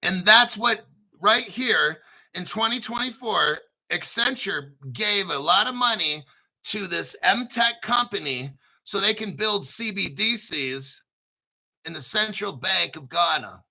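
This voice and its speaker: A man hosting an informal crypto commentary, talking through articles in an excitable, sarcastic way, swearing and often clearing his throat. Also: high-pitched, a little slow, poor audio. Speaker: crypto video host.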